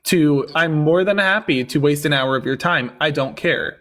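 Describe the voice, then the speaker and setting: A man's voice: a little high, moderate pace, fairly bright tone. A man hosting a live-stream debate, mocking and domineering, talking over his guest.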